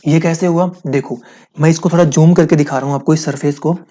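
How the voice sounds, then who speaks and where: A man's voice: fairly high pitch, steady tone, brisk, dark tone. A man teaching a physics lesson, explaining step by step, asking his students questions and repeating key points.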